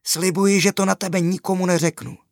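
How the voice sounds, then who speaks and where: A cheerful, excitable young girl from a storybook, as a male reader puts her on, pitched well above his narrating voice. Her lines come out bright and exclaimed, close to the mic in a dry space. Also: vocal fry, no room sound.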